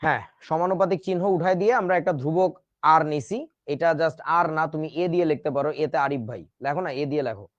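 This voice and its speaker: A man's voice: on the high side, fast talker, dry recording, lo-fi sound. A man teaching a chemistry class in a casual, joking way, with speech. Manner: chatty, joking asides to students. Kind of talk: casual online class lecture.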